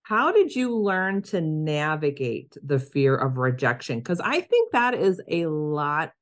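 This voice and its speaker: Low-voiced, encouraging woman host. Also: very animated, slow. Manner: affirming, encouraging interviewer. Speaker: podcast host. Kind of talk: casual interview.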